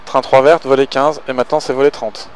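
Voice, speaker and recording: A man's voice: mid-range voice, little pitch movement, brisk, a little hiss or hum. A man working as a pilot, calling out checklists and casually coaching, often thinking aloud between clipped callouts. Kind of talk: cockpit callouts and casual instruction.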